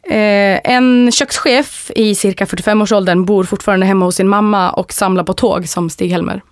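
A woman's voice: mid-range voice, fairly even intonation, no echo, studio quality. A woman with a Stockholm accent telling anecdotes in a frank, colloquial way as a podcast co-host. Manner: frank, colloquial, crude humour. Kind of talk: casual chat, telling anecdotes.

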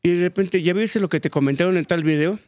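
An older man with a Mexican accent, a DJ telling stories in a casual studio interview, slangy and animated. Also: high voice, fast, dry recording. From Mexico City. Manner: animated, slangy, acts out quoted voices. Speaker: DJ guest. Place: radio studio.

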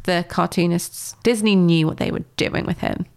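A woman's voice: lowish voice, fairly even intonation, normal speed, creaky, darkish tone. A woman chatting casually and teasingly, acting out cartoon characters as she retells scenes. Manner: chatty, teasing, acts out characters mid-story. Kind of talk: casual podcast chat about childhood cartoons.

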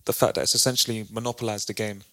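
A man's voice: lowish voice, fairly even intonation, rapid-fire, fairly bright tone. A young man with an urban London roadman accent, chatting conversationally with plenty of street slang. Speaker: podcast co-host.

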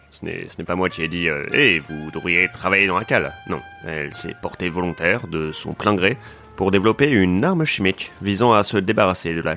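A man narrating a comic detective story in a deadpan, mock-serious way. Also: sits low. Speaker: narrator and lead of a comedy podcast. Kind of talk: scripted comedic detective narration.

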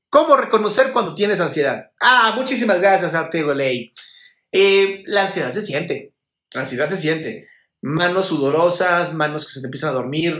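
A man's voice: a little high, a bit bright, roomy sound. A man with a Mexican accent hosting a casual live stream, answering viewer questions with affectionate, blunt talk and some swearing. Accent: Mexican Spanish. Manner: affectionate, swears freely, calls viewers "my love". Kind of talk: casual live Q&A about mental health.

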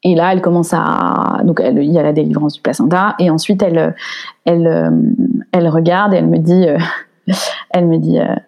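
A woman's voice: deep voice, steady tone, brisk, vocal fry, darkish tone. Hesitant, indignant woman telling her story. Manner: hesitant, many restarts, emotional and indignant. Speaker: interviewee. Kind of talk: candid personal storytelling.

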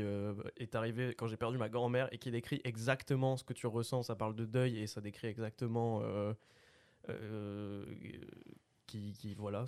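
A young man hosting a casual podcast chat, talking with lots of hesitant fillers. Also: on the low side. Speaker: podcast host.

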